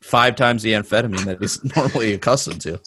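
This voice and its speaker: A man's voice: lowish voice, fairly quick, sharp tone, slight background noise. A man joking around in a profane casual podcast chat over a call. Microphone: remote call microphone.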